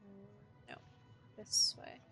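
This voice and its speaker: A woman's voice: extremely slow, music in the background. A woman streamer chatting wryly as she plays a video game and talks back to its characters. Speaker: gaming streamer. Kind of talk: casual gameplay commentary.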